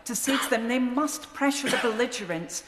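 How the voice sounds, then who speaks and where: A woman's voice: a little high, lively intonation, moderate pace, fairly bright tone. A woman speaking formally as a member of parliament in a debate. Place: large indoor debating chamber. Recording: echoey chamber with long reverb.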